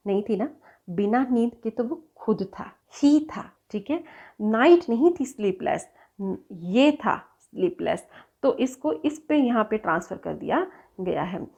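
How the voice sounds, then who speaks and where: With a medium-pitched voice that is both gravelly and mellow, this English teacher patiently walks her class through grammar terms. She switches between Hindi and English, reads the English definitions out word by word at a slow pace, and keeps checking for understanding.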